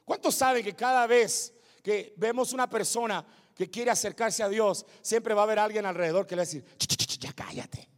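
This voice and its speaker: A male pastor preaching a sermon, moving between shouted climaxes and hushed asides. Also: sits high, a little fast, in a large hall. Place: church sanctuary with congregation.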